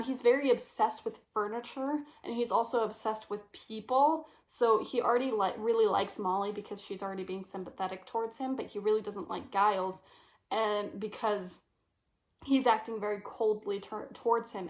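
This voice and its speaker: A woman's voice: medium pitch, steady tone, normal speed. A young woman vlogging casually from her bedroom, chatty and giggly as she thinks aloud. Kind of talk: casual chat.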